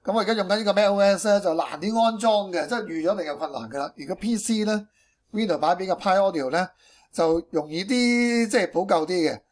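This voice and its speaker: A man with a Hong Kong accent gives an informal screencast tutorial on programming, mixing in English technical terms. His voice is high-pitched and he talks fast.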